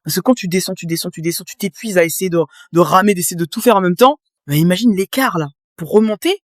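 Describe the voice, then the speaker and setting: A woman's voice: on the low side, quick pace, no room sound, studio quality. A woman guest in a casual interview, explaining her experience with vivid images and talking straight to the listener. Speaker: guest, business coach.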